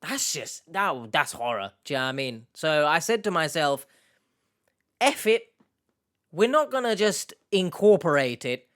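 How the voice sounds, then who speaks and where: His voice is a little high with big pitch swings, a fairly bright tone, and a slightly slow pace. The young man, a UK-based YouTube host of Turkish Cypriot heritage, runs a casual Q&A, rambling, joking, and poking fun at himself as he answers viewers' questions.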